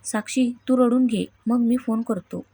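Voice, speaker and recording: A woman voicing a teasing, quick-tempered young husband in a read-aloud story, in a slightly high, husky voice. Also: mellow, dry recording. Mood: irritated.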